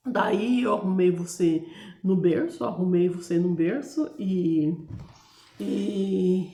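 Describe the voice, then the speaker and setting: A woman's voice: fairly low pitch, takes it slowly, mellow, roomy sound. A woman with a Brazilian Portuguese accent telling a personal testimony in a chatty, hesitant way, often checking in with her listeners. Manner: chatty, keeps addressing listeners with tag questions; hesitant, restarts and searches for words. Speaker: storyteller sharing a personal testimony. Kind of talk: casual spoken testimony.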